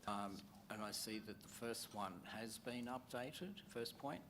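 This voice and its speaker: An Australian man, a councillor moving a motion at a formal meeting, speaking haltingly with many fillers and restarts. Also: fairly low pitch, a bit bright, slight background noise.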